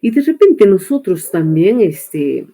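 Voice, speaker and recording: Slow, mellow woman teacher. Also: medium pitch, very animated. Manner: hesitant, many filler pauses and tag questions. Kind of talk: online class lecture.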